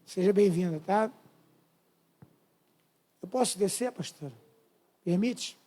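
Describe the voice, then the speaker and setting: A man's voice: sits high, takes it slowly, dark tone. A man in his fifties with a Brazilian Portuguese accent, preaching a fervent testimony to a congregation. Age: 50s. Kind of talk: sermon testimony.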